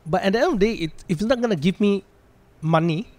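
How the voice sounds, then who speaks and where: A man's voice: high voice, quick pace, a little mellow. A man in his thirties with a Malaysian accent, explaining things casually and practically as a financial planner on a podcast. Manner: practical, plain-spoken.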